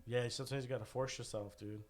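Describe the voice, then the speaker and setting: A man guesting on a podcast, still recovering from covid and short of breath, talks fast through a meandering tale, saying "dude" over and over. His medium-pitched voice keeps a fairly even intonation.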